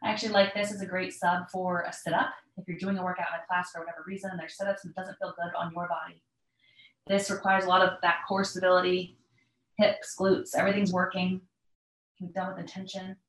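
A woman instructor guiding a stretching class with breathing cues in a calm, measured, step-by-step manner. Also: lowish voice. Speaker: yoga and mobility instructor. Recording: echoey, roomy sound.

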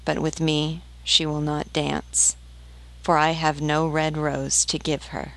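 A woman reading the part of a lovesick young male student from a storybook, in a slow, wistful way. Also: sits low, little pitch movement, vocal fry, fairly bright tone, full character voice.

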